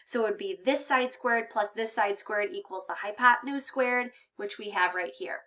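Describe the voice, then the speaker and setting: A high school math teacher, a woman, explaining a math lesson step by step with patient, clear reminders. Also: normal speed, fairly bright tone.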